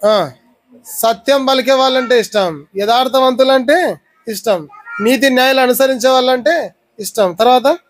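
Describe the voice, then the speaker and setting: A man's voice: very high-pitched, poor audio. A man from India with a Rayalaseema Telugu accent, preaching a sermon and pressing the congregation with repeated questions. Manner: repeated questions to the congregation, teaching with everyday examples. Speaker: pastor.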